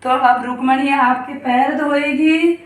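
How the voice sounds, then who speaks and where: A woman with a high, steady voice plays the god Krishna as an emotional, coaxing young man who keeps calling out to his old friend. She speaks slowly and pleadingly in this devotional story enactment. The mic is distant, so the sound is roomy and she seems far away.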